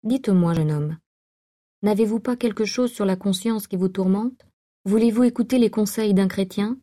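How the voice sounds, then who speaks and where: Brief: woman reader voicing an old hermit priest, hushed, grave and very dark-toned, storybook. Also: medium pitch, normal speed, natural voice. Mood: probing. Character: older male hermit priest, calm and probing.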